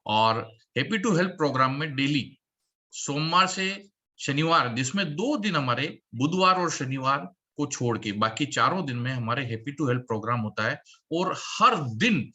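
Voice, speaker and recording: A man delivers an upbeat presentation to an audience, pushing his pitch with emphatic repetition and calls for applause. His voice is bright and forceful, and his pitch leaps up and down for emphasis. He moves through his material like a salesman working a room. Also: lively intonation, normal speed. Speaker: presenter at a business opportunity meeting.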